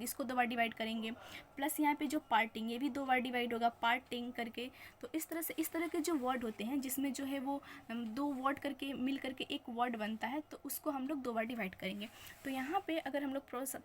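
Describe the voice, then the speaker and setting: High-voiced woman teaching poetry scanning. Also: slight background noise. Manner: explains step by step, asks and answers her own questions; mixes Hindi and English freely. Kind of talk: exam-prep lesson on scanning poetry.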